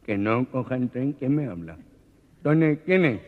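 A man puts on a nasal, short-fused fellow who bellows his curses, and his pitch leaps up and down as he rants. The sound is muffled and echoes as if in a large hall, like a worn cassette. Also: lively intonation, a little slow, lightly acted. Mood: exasperated. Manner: shouting exasperated oaths. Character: loud nasal-voiced man, swearing, short-tempered. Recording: dull reverberant old cassette recording.

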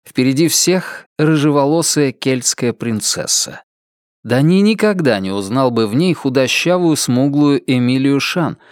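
A man narrating a science fiction audiobook in a measured, descriptive way. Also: mid-range voice, no echo, studio quality.

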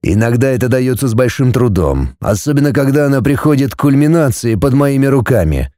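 A man's voice: mid-range voice, very animated, a little fast, warm tone, no echo, studio quality, lightly acted. A man reading a domineering dragon lord. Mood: commanding. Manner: cool, curt and commanding. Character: male dragon lord, domineering, blunt and possessive.

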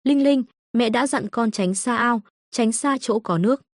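A woman's voice: fairly high pitch, a little slow, dry recording, clean studio sound. A woman voicing a young mother who was once meek and now speaks firmly and bluntly to defend her daughter. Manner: firm and blunt.

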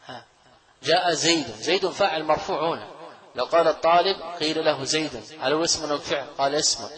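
A man delivering a grammar lecture with a slightly high voice. He explains step by step, repeats key phrases and quizzes his students with rhetorical questions. He chuckles often while he teaches. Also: a little fast, crowd noise, low-quality recording. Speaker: Islamic scholar teaching Arabic grammar.

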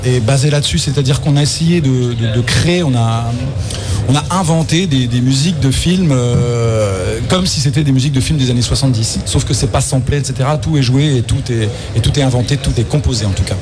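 At a festival radio stand, a musician in his forties is interviewed live as a guest, talking hesitantly with many fillers and restarts. His mid-range voice runs a little fast, heard over music.

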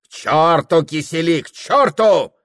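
A man voicing a loud, reckless drunken merchant host who shouts and boasts at a feast. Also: lowish voice, very animated, extremely slow, gravelly, slightly rough, exaggerated voice. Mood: rowdy drunken.

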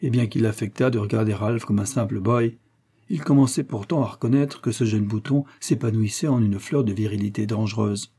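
Guy reading an adventure audiobook, steady and measured, husky mellow voice. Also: on the low side. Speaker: narrator. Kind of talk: audiobook narration.

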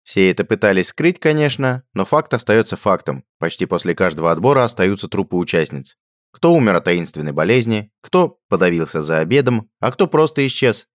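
A man doing a loud, teasing young comrade. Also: low-pitched, very animated, fairly quick, no room sound, studio quality. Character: mocking, jokey young male friend.

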